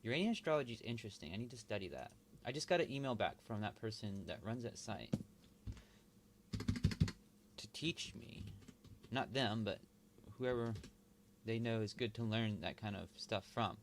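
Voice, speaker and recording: A man thinking aloud while he works, mumbling and halting as he talks to himself. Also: on the low side, lively intonation, noisy background. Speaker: video host.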